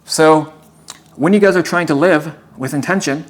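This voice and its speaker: Rambling nineteen-year-old man, slightly high voice. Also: normal speed. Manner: rambling, addresses viewers as guys and bro, frequent okay. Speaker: motivational vlogger. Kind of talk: casual motivational monologue. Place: at home near the kitchen.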